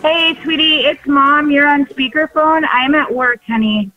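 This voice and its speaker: A woman's voice: sits high, steady tone, measured pace, no room sound, soft background music. A middle-aged woman on speakerphone from a hospital, talking on a phone call in a polite but firm way. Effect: on speakerphone over a phone line. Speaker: prank call target. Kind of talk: phone conversation. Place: at work in a hospital. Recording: tinny dry phone line.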